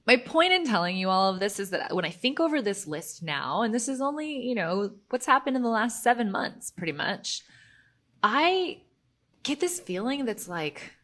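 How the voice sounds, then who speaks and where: Lively, chatty woman podcast host. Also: a little high, normal speed. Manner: chatty, self-deprecating, laughs often. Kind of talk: casual solo podcast monologue.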